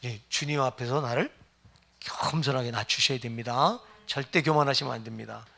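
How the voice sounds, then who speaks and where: A man's voice: mid-range voice, moderate pace, creaky, bright, forceful tone. A middle-aged man preaching a sermon as pastor, emphatic and firing rhetorical questions at the congregation.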